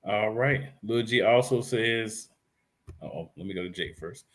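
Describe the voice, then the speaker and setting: A man's voice: fairly low pitch, measured pace, fairly bright tone. A man hosting a casual sports podcast, laid-back and friendly as he reads viewer comments aloud. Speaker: podcast host reading comments.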